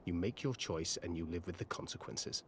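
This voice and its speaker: An actor playing a blunt, hard-edged fighter who speaks in clipped, commanding lines in a video game. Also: male voice, sits low, brisk, slightly rough. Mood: stern. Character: stern battle-worn man, blunt and hard.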